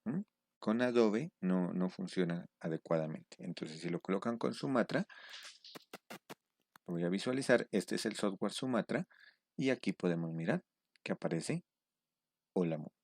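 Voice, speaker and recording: Deep-voiced patient male instructor. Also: expressive, normal speed, creaky, long pauses, a little mellow, dry recording, studio quality. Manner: patient step-by-step explaining, checking in with a questioning "mm". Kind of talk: screen-recorded tutorial.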